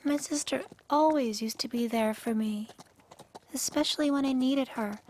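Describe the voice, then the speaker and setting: A woman's voice: sits high, normal speed, darkish tone, slight background noise, lightly acted. A woman acting a lonely, hurt younger-sister pony princess in a radio drama, with a plaintive delivery. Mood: sad, lonely.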